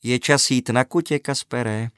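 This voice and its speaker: Man reading a caring mother, calm, soothing, storybook, dry recording. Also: medium pitch, clear, resonant tone, dry recording, natural voice. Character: caring mother talking to her son.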